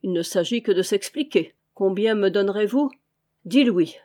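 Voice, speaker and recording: A woman's voice: mid-range voice, normal speed, dark tone, lightly acted. A woman voicing a cynical, bold male servant and former showman who mocks his master's offers. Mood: sardonic. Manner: mocking, sardonic.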